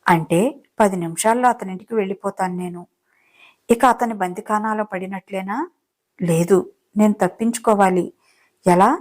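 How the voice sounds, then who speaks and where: A woman's voice: mid-range voice, fairly even intonation, normal speed, long pauses, a little mellow, natural voice. Woman reading as a wary, scolding young bride. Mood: worried. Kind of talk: audiobook character reading.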